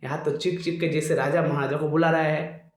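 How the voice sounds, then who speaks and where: A man's voice: on the high side, flat delivery, fairly quick, close to an everyday voice. A man voicing a humble, fretful elderly male devotee who protests and pleads, recorded in an echoey room.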